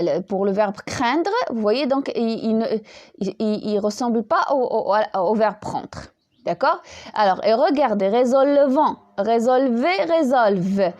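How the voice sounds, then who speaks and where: A woman's voice: on the high side, a little mellow. A woman teaching a French grammar lesson, patiently spelling out verb endings letter by letter and often repeating herself. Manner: repeats words and restarts often.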